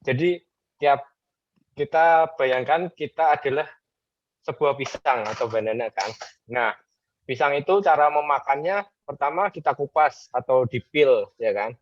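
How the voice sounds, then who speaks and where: A man's voice: a little high, unhurried, dry recording. A man casually explaining a group ice breaker on a video call, chanting the lyrics as he demonstrates. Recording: dull lo-fi video call audio.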